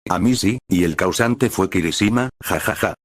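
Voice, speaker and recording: Un hombre que pone voz a un chico alegre y bromista, con tono animado. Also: male voice, low-pitched, moderate pace, dry recording, clean studio sound.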